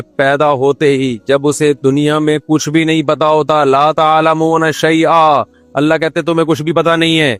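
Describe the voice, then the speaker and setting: High-voiced man preaching a sermon. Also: clear, resonant tone, no echo. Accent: Pakistani Urdu. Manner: lively, rhetorical questions, recites Quranic Arabic. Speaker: Islamic scholar giving a sermon.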